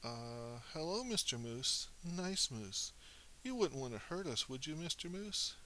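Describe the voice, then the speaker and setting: A man's voice: a little high, big pitch swings, a little slow, bright, forceful tone, slight background noise, voice pushed up, heavily acted. A man voicing a cheeky, teasing young girl in a storybook reading. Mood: nervous.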